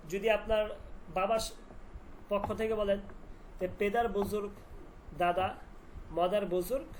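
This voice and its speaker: Man, language teacher, online class, repeats and quizzes, faint noise behind. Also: sits high. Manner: repeats words and drills meanings with questions.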